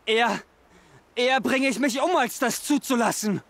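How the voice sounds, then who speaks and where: A haunted young outcast pleads and frets in this video game scene. His voice sits very high for a man and stays anguished and desperate throughout. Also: moderate pace, a bit bright, no room sound.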